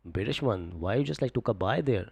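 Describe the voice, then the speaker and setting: A young man with a fairly low, gravelly, slightly rough voice talks a little fast on his forex trading live stream. Relaxed, he discusses trades, reads viewer comments and coaches, with repetitive "just, like" fillers throughout.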